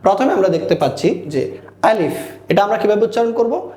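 A man teaching Quran recitation, patiently repeating each Arabic letter slowly and stretching the sounds out. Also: sits high, animated, darkish tone, echoey room. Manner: religious phrasing, often closes with a blessing.

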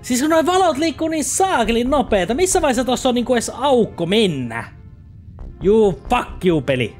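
Young gamer guy yelling and cursing at the game, high lively voice, game music loud behind. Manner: excitable, shouting and swearing, mixing in English. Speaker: let's play gamer. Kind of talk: gameplay commentary.

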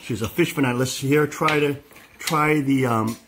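A man's voice: mid-range voice, moderate pace, noisy background. A man hosting an outdoor cooking vlog, narrating with exuberant whoops and exclamations. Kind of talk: excited outdoor cooking commentary. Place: outdoors by a frying pot.

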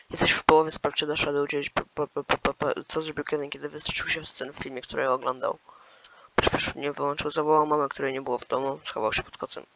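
A man's voice: on the high side, creaky, a bit bright, dull audio, slight background noise. A man hosting his gaming channel, reading quiz questions aloud and musing over the answers in casual commentary.

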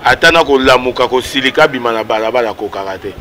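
This interview guest, a man in his thirties with a Congolese accent, talks fast in a mid-range voice. The casual interview takes place outdoors by a wall, and he's animated, moving his hands as he mixes French and Lingala.

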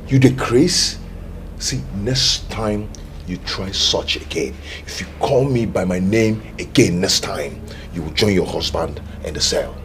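An actor playing an arrogant palace official who barks threats and orders. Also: male voice, medium pitch, distant mic, natural voice. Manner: barking orders, mocking. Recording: film audio with loud music bed.

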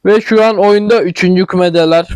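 A man's voice: sits high, steady tone, brisk, clear, resonant tone, no room sound. A young man with a regional Turkish dialect, chatting casually over a football management game, thinking aloud and stumbling over words. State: tickly throat, clearing it. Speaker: gaming channel host.

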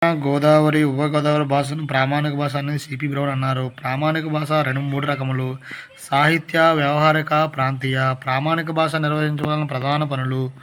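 Man reading out exam notes, flat and measured. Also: fairly high pitch. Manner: reads lists of word forms one by one with restarts. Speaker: exam prep teacher. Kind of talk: reading study notes aloud.

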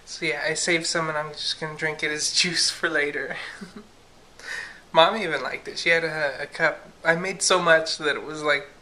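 This is a chatty, giggly young woman filming herself at night at home, first in the kitchen and then the living room, with the camera at arm's length. Her deep voice sounds pushed and bright, moving at a moderate pace with fairly even intonation and frequent fillers.

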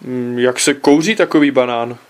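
A man reading aloud voices a teenage son who sounds innocent and puzzled, and turns shrill when exasperated. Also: lightly acted.

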